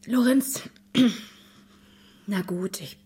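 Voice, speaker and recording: Super breathy, slow, hesitant lady who doesn't want to go. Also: medium pitch, mellow, full character voice. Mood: reluctant. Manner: hesitant, reluctant. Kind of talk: film drama acting.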